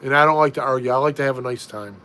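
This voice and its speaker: A man's voice: mid-range voice, sharp tone, clean tone. A middle-aged American man hosting a casual live stream from a room at home, reading viewer comments in an easygoing way and often restarting his sentences. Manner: easygoing, slow, repeats himself and restarts.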